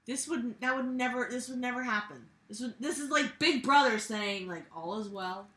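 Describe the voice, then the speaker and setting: Hosting a comedic book-reading series, this sarcastic woman mocks the text she reads with profanity and exasperation. Her voice sits a little high and sounds sharp, moving at a moderate pace, while her theatrical delivery lurches into exaggerated stresses and abrupt outbursts.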